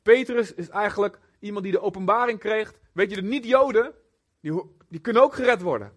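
A man preaching a sermon in a casual, conversational way, animated, with frequent fillers and restarts. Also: sits high, fairly quick. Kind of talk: informal sermon.

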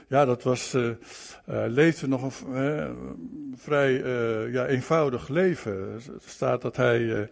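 A man's voice: medium pitch, vocal fry. A man preaching a sermon, emphatic, repeating words and phrases for stress. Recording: long reverb of a hall.

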